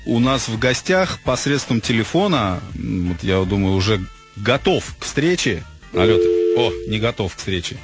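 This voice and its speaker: A man's voice: on the low side, big pitch swings, moderate pace. A man hosting live late-night radio, talking in a grandiose, mock-ceremonial announcing manner. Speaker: radio host. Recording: music playing behind the voice. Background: music.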